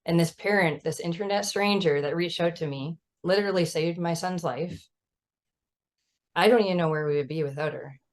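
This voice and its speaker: A woman's voice: lowish voice, moderate pace. A mother of a child with type 1 diabetes, talking earnestly and emphatically in a casual chat over a video call, often adding "right?". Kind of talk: casual conversational storytelling.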